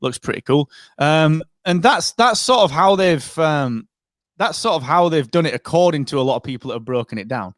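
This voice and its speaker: A man co-hosting a fan podcast in loose, joking banter. His voice swings widely in pitch as he riffs. The sound is dry and close to the mic. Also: moderate pace, no room sound. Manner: animated, joking banter with frequent fillers. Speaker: podcast co-host. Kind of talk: casual chat.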